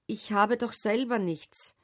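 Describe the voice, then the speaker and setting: A woman doing a gentle young shepherd boy, earnest and soft-hearted, raised higher, storybook voice. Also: slow pace.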